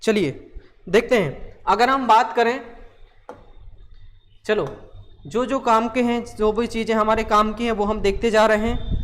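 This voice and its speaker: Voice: mid-range voice, measured pace, pauses often, in a large hall. A teacher giving a live exam-prep lesson, asking questions and answering them and repeating the key words.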